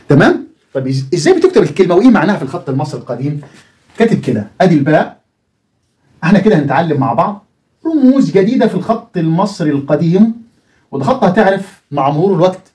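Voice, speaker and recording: A man's voice: sits high, a little mellow. A man with an Egyptian Arabic accent teaching a lesson, asking the viewer questions and answering them himself. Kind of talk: explanatory video lesson.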